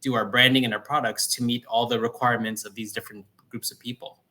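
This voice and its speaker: A man raised in New Jersey, a food company founder telling his story in a casual interview, upbeat and energetic. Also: mid-range voice, fast talker. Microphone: livestream call microphone.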